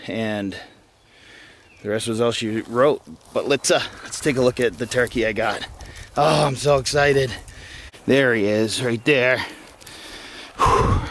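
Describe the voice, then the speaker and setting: A slightly out-of-breath man talks outdoors near a field and the edge of the woods, his pitch sitting in an ordinary middle range. He tells the story in an excited, rambling way with lots of ums and restarts, like an outdoor vlogger recapping the moment. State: a little out of breath. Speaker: hunting vlogger.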